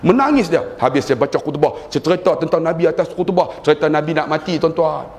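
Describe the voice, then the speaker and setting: A man's voice: on the high side, quick pace. A middle-aged Malaysian man giving a religious lecture to a congregation, telling stories with humor and acting out the people in them. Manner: animated storytelling, acting out quoted voices with humor. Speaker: preacher. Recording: roomy hall echo, faint ambience.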